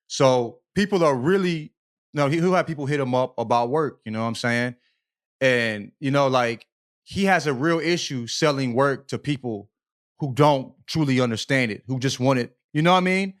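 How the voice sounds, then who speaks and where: A podcast co-host with a mid-range, fairly bright voice talks in a loose, slangy way during a casual conversational discussion. He curses freely and frequently checks in with the person he's talking to.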